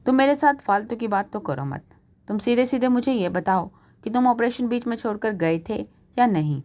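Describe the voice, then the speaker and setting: A woman voicing a quick-tempered middle-aged wife who scolds her husband sharply, in a told storybook. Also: fairly low pitch, animated, a little mellow, close to an everyday voice. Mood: angry scolding.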